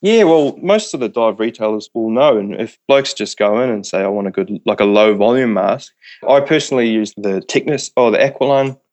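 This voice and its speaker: A man's voice: on the low side, fairly quick, darkish tone. A man with a broad New Zealand accent, chatting casually as a podcast guest in a laid-back, slangy, jokey way. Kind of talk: casual interview chat.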